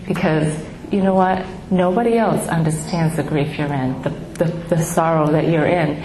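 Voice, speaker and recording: This middle-aged woman's voice sits low, soft, and small, and she refers to it as baby-like. She tells her own story of grief to an audience at a support gathering, heartfelt and halting with many pauses. Background noise carries through the echoey room.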